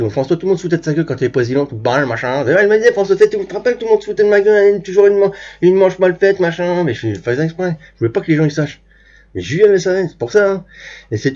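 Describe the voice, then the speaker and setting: A man's voice: a little high, darkish tone. A man telling a long rambling anecdote to his viewers, full of crude slang, asides and restarts, on a dull lo-fi recording. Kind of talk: rambling anecdote told to camera.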